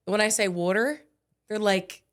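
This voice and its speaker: A giggly young woman from New Jersey talks on her first podcast, rambling a little and laughing off her nerves. Her voice sits at a middle pitch in an easy, casual chat. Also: measured pace, smooth. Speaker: podcast guest.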